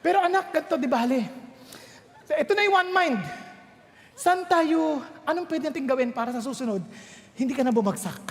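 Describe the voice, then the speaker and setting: A Filipino woman preaching a sermon in a mix of Tagalog and English, animated, acting out little scenes between parents and children. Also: high-pitched. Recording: long hall reverb.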